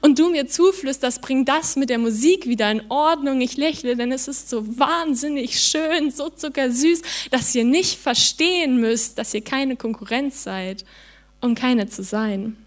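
A young woman performing her own melancholic spoken word poem on stage, soft and slowing down on the repeated refrains. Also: high-pitched. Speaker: poetry slam performer.

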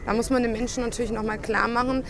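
A woman who serves as a city councillor, speaking briskly and argumentatively in an interview clip outdoors. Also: a little high, fairly even intonation, a crowd in the background.

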